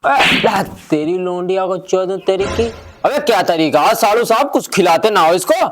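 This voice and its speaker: A man's voice: sits high, expressive, normal speed, fairly bright tone. A man playing a foul-mouthed, boastful uncle who teases crudely. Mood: mocking. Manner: mocking, crude, theatrical scolding. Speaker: comedy sketch actor.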